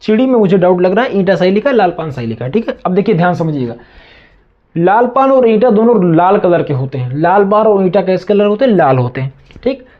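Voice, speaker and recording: A man's voice: sits high, animated, brisk, dull audio. A man teaching a maths lesson to students, asking questions and answering them himself, with a lot of repetition. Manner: addresses students as children. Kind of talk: classroom lesson.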